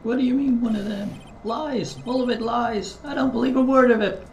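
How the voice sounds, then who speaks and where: A man voicing an excitable, loudmouthed young male witness who protests indignantly while reading a courtroom game aloud. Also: extremely high pitch, normal speed, creaky, roomy sound, slight background noise, pitched above the performer's own voice. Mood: outraged.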